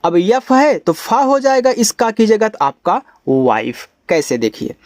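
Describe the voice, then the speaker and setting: A man, teaching English phonics, spelling letters out slowly and sounding words out in a chatty way. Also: high voice, animated, a little mellow, dry recording, clean studio sound. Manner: calls the listener brother, chatty teaching. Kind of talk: phonics lesson for beginners.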